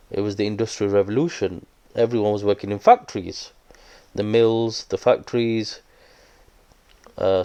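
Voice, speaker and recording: Man, smooth low voice, earnest vlog commentary. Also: dark tone, muffled recording. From Britain. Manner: earnest, explanatory, with hesitant fillers. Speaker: vlogger.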